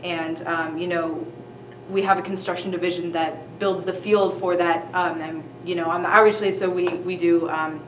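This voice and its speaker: A woman's voice: lowish voice, fairly even intonation, normal speed. A teenage girl, the outreach lead of a robotics team, answering hesitantly with many ums and you-knows. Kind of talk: casual interview answers. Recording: echoey room with faint noise.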